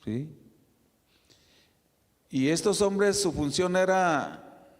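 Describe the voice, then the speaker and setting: A man preaching a sermon as pastor, in a conversational style with frequent tag questions and soft asides. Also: high-pitched, expressive, drawn-out words. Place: church sanctuary. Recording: reverberant church hall.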